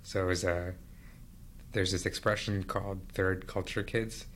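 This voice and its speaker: A business executive on a podcast tells reflective personal stories in a conversational interview; he grew up in India and Venezuela, then moved to Canada at thirteen. He is a man with a low, even, unhurried voice, heard over background noise.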